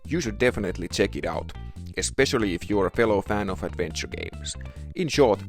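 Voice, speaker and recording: Low-voiced Finnish-accented man narrating a review. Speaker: host of a retro game review show. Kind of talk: scripted video essay narration.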